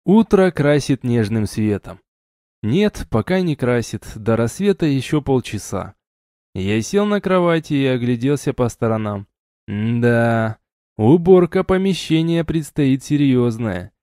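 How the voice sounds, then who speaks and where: Dark-voiced man narrating a wry audiobook. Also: medium pitch, expressive, measured pace, no echo, studio quality. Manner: wry, ironic first-person storytelling. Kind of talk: first-person fantasy audiobook narration.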